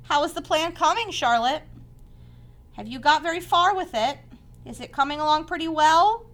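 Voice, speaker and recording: A woman's voice: sits high, animated, normal speed, a bit bright, voice pushed up. A woman voicing an innocent young male pig in a storybook, earnest, childlike and eager, with an anxious, affectionate temper.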